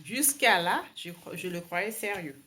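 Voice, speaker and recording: A woman's voice: on the low side, animated, measured pace, bright, forceful tone. A young woman telling a story time to her viewers in a casual, wry, amused way, with many fillers and restarts. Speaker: vlogger.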